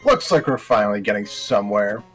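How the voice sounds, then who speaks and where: A man's voice: on the low side, expressive, fairly quick, fairly bright tone, pitched below the performer's own voice. A man voicing a stern video game lawyer who presses a witness in a pointed, dramatic manner. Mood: stern, pressing. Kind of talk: amateur video game dub. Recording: music behind the voice.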